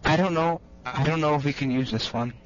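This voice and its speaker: A man's voice: on the high side, brisk. A man co-hosting a casual chat over an online call, with dry, defensive ribbing. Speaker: podcast co-host. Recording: muffled lo-fi call with faint hum.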